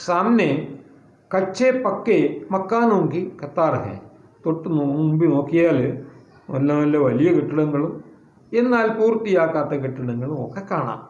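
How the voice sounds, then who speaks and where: A man's voice: on the high side, animated, moderate pace, darkish tone, muffled recording. A man with a Malayali accent teaching a Hindi lesson, reading each line and then explaining it. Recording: echoey room.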